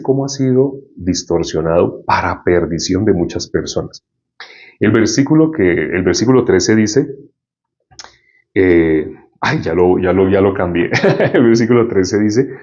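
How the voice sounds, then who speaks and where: Low-voiced man teaching a Bible lesson. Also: a little mellow, highs cut off. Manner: conversational, often asks the listeners questions. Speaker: preacher.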